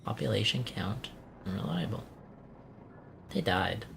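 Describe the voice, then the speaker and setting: A man's voice: fairly low pitch, very animated, unhurried, vocal fry, noisy background. A man from Italy streaming a horror game, reading in-game text aloud and poking fun at himself in casual commentary. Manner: reads in-game text aloud, self-mocking. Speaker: let's play streamer.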